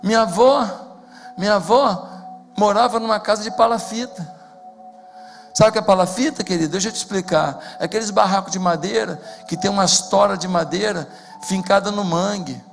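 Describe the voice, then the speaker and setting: Impassioned pastor in echoing hall. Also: male voice, high voice, gravelly. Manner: impassioned, builds to shouting. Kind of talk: sermon. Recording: long hall reverb with faint music.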